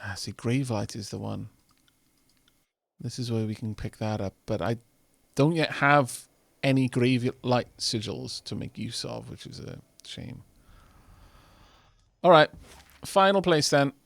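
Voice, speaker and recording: A man's voice: medium pitch, measured pace, gravelly, no room sound. A man, streaming a game in casual commentary, reading game text aloud with wry muttered asides. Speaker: streamer playing a video game. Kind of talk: casual let's-play commentary.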